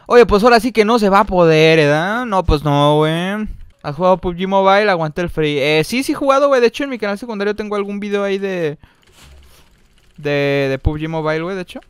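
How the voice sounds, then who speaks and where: A young man with a Mexican Spanish accent giving casual gameplay commentary, full of slang and breaking into loud excited yelling. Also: high-pitched, brisk, clean tone, no echo. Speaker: gaming streamer.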